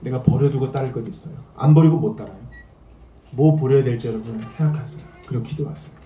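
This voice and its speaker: A man preaching a sermon as pastor, swinging between loud emphasis and hushed tones. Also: medium pitch, quick pace, echoey room, muffled recording, a little hiss or hum.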